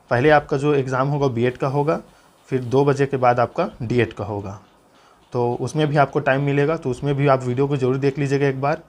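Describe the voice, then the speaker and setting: In an exam-preparation lesson, a man with a mid-range voice explains notes aloud, instructing listeners and pressing them to remember the key points.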